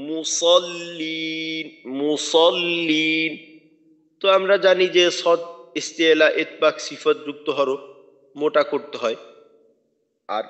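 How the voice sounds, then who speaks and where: A man teaching Quran recitation online, patiently correcting students and modelling slow chanted verses. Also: a little high, fairly bright tone. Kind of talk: online tajweed lesson. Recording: dull lo-fi audio with long reverb.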